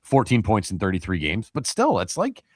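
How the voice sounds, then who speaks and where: Low-voiced man rambling about hockey. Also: wildly swooping pitch, fairly quick, no echo, studio quality. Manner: rambling, many fillers and restarts. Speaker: podcast co-host. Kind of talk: casual sports chat.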